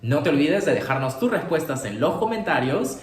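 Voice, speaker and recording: A man's voice: on the high side, sing-song, normal speed. A man teaching an English grammar lesson in Spanish with a Peruvian accent, explaining step by step and often checking in with the viewer. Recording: echoey room, slightly distant, faint noise.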